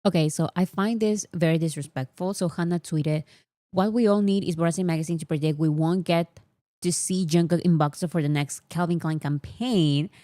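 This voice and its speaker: This K-pop vlogger, a woman whose first language is Spanish, speaks at a moderate pace in a lowish, mellow voice. She chats casually to camera, mock-serious and frequently laughing, in a dry, studio-quality recording.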